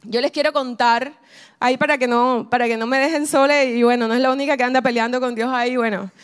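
A woman's voice: on the high side, steady tone, quick pace, smooth. A woman giving a sermon, telling her own story in an earnest, personal way. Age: adult with a ten-year-old son. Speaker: preacher.

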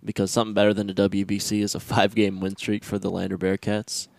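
Low-voiced young man hosting sports chat. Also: quick pace, gravelly, dry recording. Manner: energetic, rambling with restarts. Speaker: podcast host.

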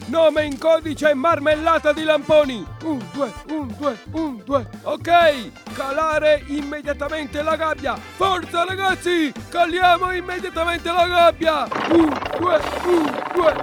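A man doing squeaky eager little soldiers. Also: steady tone, takes it slowly, hardly any pauses, a bit bright, soft background music, exaggerated voice. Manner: marching count-off.

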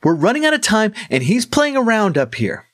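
A man's voice: high voice, sing-song, a little fast, a bit bright, dry recording, clean studio sound, voice pushed up. A man voicing a stern, impatient blind male warrior in a storybook reading, speaking in a raised, pressing tone.

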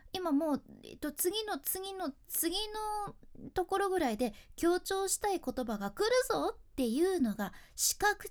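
A woman's voice: high-pitched, darkish tone. A young woman with a Fukuoka accent, a freelance announcer giving a casual speaking lesson in chatty explanations with dialect endings. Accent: Fukuoka Japanese.

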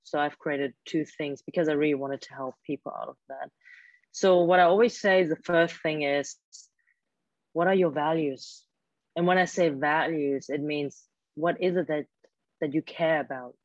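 A woman whose first language is German, a career coach, explains advice as an interview guest, speaking earnestly and often restarting her words. Her low voice is steady at a moderate pace, captured in a dull, dry lo-fi recording.

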